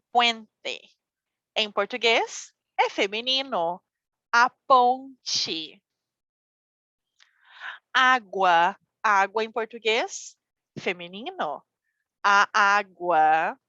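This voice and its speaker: A Brazilian woman teaching a Portuguese lesson to Spanish speakers, saying each example word slowly and clearly and checking in often with her students. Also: a little high, sharp tone, dry recording, muffled recording. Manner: slow, careful enunciation of example words, checking in with "certo?".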